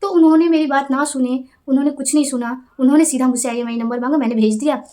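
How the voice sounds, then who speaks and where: A young woman vlogger telling a story casually, with animated, indignant retelling and quoted dialogue. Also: high-pitched, fast. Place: Delhi.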